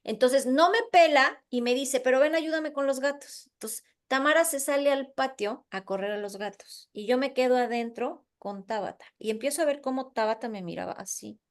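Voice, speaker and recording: A woman's voice: fairly high pitch, normal speed, few pauses. A middle-aged woman, an instructor telling an anecdote to her class, acting out the dialogue as she goes. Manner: animated, acts out the dialogue. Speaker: course instructor. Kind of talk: lively storytelling in a class.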